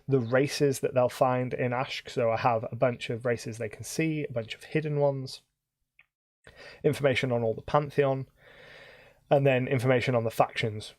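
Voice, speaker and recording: A man's voice: mid-range voice, a little mellow, dry recording. Rambling man at home. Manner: rambling, many ums and restarts. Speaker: stream host and game master. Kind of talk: casual live-stream chat.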